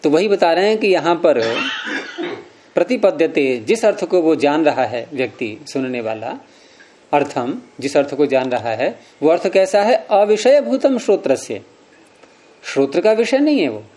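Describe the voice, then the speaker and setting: With an expressive, darkish voice on the high side, a man explains sutras to a class at normal speed. His lecture on Sanskrit philosophy includes recitation, repeated key words, and frequent questions to the students.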